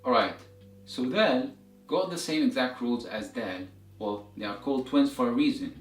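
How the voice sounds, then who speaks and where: A man's voice: medium pitch, expressive. Man teaching a language lesson, roomy echo. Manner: methodical, repeats examples slowly for learners. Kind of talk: instructional lesson, step-by-step explanation. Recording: roomy echo, distant mic, music behind.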